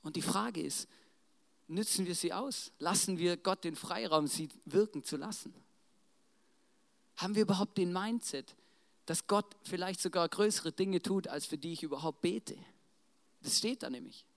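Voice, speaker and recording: A preacher telling a Bible story in a casual, slangy, animated way, often checking in with the congregation. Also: mid-range voice, normal speed, vocal fry. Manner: slangy, animated, keeps asking "right?". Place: church in front of a congregation. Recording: long church reverb.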